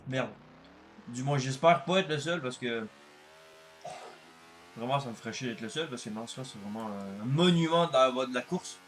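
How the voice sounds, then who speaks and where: Gamer guy rambling over a racing game, swears a lot, mid pitch, faint hum behind. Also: moderate pace, long pauses. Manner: rambling, many fillers, crude swearing. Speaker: gaming youtuber. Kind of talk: casual gameplay commentary.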